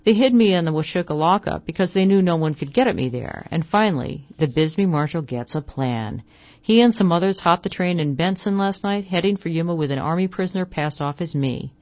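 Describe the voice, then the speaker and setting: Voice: mid-range voice, animated, fairly quick, no room sound, highs cut off, lightly acted. A reader voicing a young, amused male outlaw in a western story reading, speaking wryly and mockingly.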